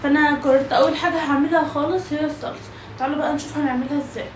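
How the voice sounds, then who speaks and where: Fast-talking young Egyptian woman vlogger. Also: sits high, steady tone, a little hiss or hum. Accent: Egyptian Arabic. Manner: chatty, talks to viewers while cooking. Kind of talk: casual cooking vlog. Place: home kitchen.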